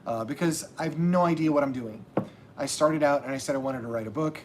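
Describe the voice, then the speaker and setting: A man's voice: fairly high pitch, a little fast, background noise. A man hosting a casual livestream as a self-published author, talking in a rambling way with many restarts.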